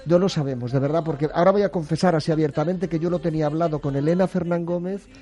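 Man, mellow, slightly high, earnest radio chat. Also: fast talker, soft background music. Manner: emotional, earnest. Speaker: radio guest commentator.

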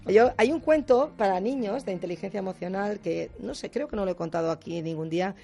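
A woman speaking as a guest on a radio talk show, explaining in a lively way, acting out quotes and often adding quick tag questions. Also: mid-range voice, vocal fry. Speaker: guest speaker on difficult personalities.

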